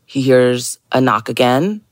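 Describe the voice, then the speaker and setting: A woman recounting a spooky legend as a guest storyteller, in a measured, deliberate way. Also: a bass voice, expressive, dry recording. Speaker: guest listener telling a submitted story.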